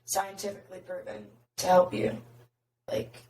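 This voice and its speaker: Raspy young woman in a roomy space. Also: medium pitch, little pitch movement, normal speed, darkish tone. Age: young adult. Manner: chatty storytelling, many "like" fillers. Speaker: podcast host. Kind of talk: casual chat. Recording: roomy echo, faint noise.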